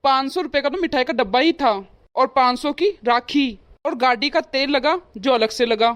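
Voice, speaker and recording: A woman voicing a teasing, short-tempered grown brother in a cartoon, in a fairly high voice. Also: moderate pace, lightly acted. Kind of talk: cartoon voice acting.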